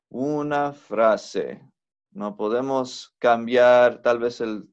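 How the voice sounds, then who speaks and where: A man lecturing in an online language class, unhurried and patient, pausing often with fillers and correcting himself mid-sentence. His voice sits at a middling pitch, and the recording sounds slightly dull and lo-fi. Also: clean tone. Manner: slow, patient explaining with many fillers and self-corrections. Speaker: Biblical Hebrew teacher.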